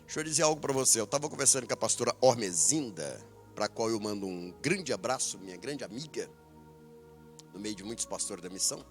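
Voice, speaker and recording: A male pastor with a Brazilian accent preaching a sermon, emphatic and animated, laughing often. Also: lowish voice, fairly quick, soft background music. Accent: Brazilian Portuguese.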